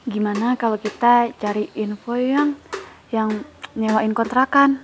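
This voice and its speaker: An actress playing a poor, meek wife who speaks softly and apologetically to her husband in a web drama. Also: a little high, fairly even intonation, a little slow, slight background noise, lightly acted. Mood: hopeful. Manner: soft, apologetic.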